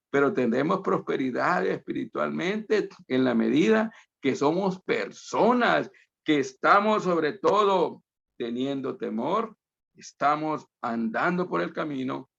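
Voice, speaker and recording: A man's voice: a little high, vocal fry, a bit bright, breathy edge. A man from Honduras preaching a sermon over a video call, emphatic and repetitive, often addressing his listeners as brothers. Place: home, on a virtual meeting. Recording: dull lo-fi video call audio.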